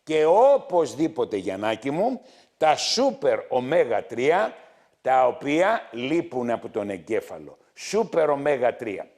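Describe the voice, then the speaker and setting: A middle-aged man hosting a health show as a doctor, scolding his viewers loudly and repeating his points again and again. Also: medium pitch, sing-song. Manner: loud, scolding, repetitive, hammering points. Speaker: TV doctor host.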